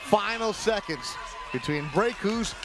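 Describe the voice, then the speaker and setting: A man's voice: sits high, animated, a little slow, raised voice, a crowd in the background. A man doing live play-by-play boxing commentary from ringside as a hype announcer with dramatic, emphatic calls. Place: ringside at an arena.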